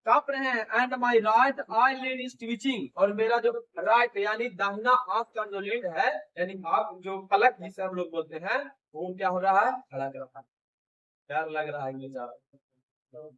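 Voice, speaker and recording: High-voiced man teaching English in Hindi. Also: distant mic, highs cut off. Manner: reads English lines slowly and loudly, then drops to low casual Hindi explanation. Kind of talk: Hindi-explained English lesson, reading lines slowly then translating.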